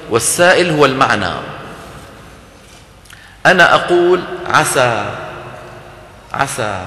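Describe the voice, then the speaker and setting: A man's voice: medium pitch, sharp tone. A man giving a religious lecture on Quran recitation, explaining points and quizzing his audience. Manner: explanatory, asks the audience questions and demonstrates sounds. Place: lecture hall. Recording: echoey hall recording.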